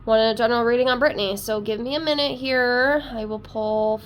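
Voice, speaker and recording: Reading tarot cards with a cold-clogged, congested voice, a woman rambles casually, chatty and quick to poke fun at herself. She speaks a little fast and a little high with fairly even intonation, over slight background noise.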